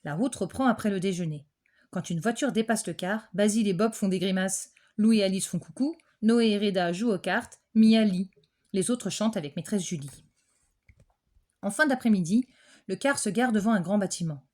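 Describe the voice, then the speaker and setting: A woman reading a children's picture book aloud in a clear, gentle storytelling manner. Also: mid-range voice, moderate pace. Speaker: storybook reader.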